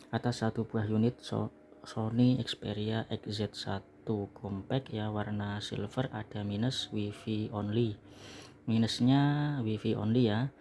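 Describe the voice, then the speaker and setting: A man's voice: lowish voice, gravelly, darkish tone, slight background noise. An Indonesian man recorded indoors in a small room, casually explaining a product as an online seller and often tagging phrases with a short confirming word. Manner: explanatory, repeatedly ends phrases with "ya". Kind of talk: casual product packing and review narration.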